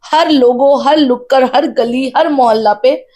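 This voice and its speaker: A woman with a high voice tells her story to an interviewer with deep, earnest feeling. She speaks like a guest on a local news interview. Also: measured pace, dark tone. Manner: earnest storytelling, tearful at times. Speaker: interviewee, wife of a candidate. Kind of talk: emotional personal account.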